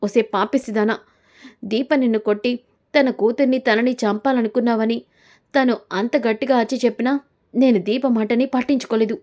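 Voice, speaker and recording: Furious betrayed mother, harsh scolding, put on by a woman narrator, fairly high. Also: fairly even intonation, brisk, warm tone, lightly acted.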